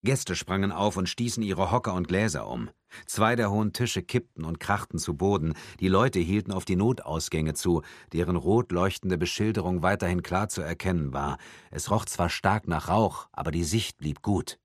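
A man reading an audiobook in a measured, tense storytelling manner. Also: low voice, dry recording, clean studio sound. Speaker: audiobook narrator. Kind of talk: scripted audiobook narration.

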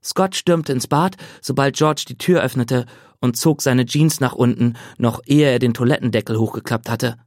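A man reading a novel aloud as narrator, steady and measured. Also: mid-range voice, dry recording, studio quality. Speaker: audiobook narrator. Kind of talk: scripted narration.

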